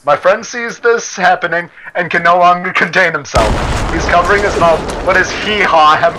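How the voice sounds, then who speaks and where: A man's voice: high-pitched, normal speed. Man reading a story in game chat. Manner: laughs and stumbles over words while reading. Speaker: story reader. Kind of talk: casual reading aloud to friends during a game. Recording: noisy game chat with gunfire. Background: game gunfire and clicks.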